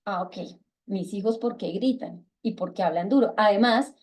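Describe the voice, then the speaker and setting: A middle-aged woman with a Colombian Spanish accent leads a book club over a video call, speaking casually to the reading group at a moderate pace in a mid-range voice. She is lively and acts out quoted dialogue in a raised voice.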